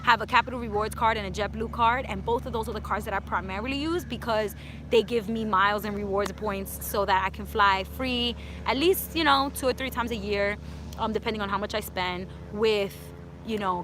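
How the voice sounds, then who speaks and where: A woman of about thirty from New York City, a personal finance YouTuber, chats casually in an outdoor Q&A vlog under hot sun and sprinkles in Spanish words. Her voice is a little high, and there's background noise.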